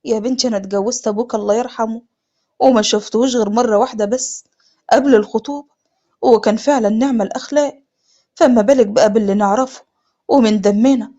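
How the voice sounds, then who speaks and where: امرأة تؤدي دور أم أكبر سنًا تقنع ابنتها بالزواج، بلهجة مصرية ونبرة ملحّة. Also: female voice, a little high, fairly even intonation, fast talker, warm tone, dull audio. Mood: coaxing. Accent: Egyptian. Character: older mother, pushing her daughter to marry.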